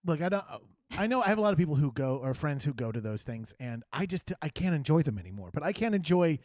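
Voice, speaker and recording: A man's voice: on the high side, very animated, fast, a little mellow, no echo. A man hosting a podcast in casual chat, a self-mocking, jokey storyteller. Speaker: podcast host.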